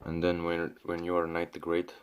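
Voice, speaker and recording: His low voice is smooth and completely flat, moving at a moderate pace. The young man from Syria vlogs a loose ranting monologue, full of restarts, fillers, swearing, and "bro."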